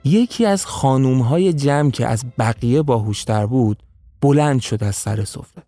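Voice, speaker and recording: Brief: male storyteller, measured and dramatic, mellow tone, dry close sound, faint music. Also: mid-range voice, dry recording.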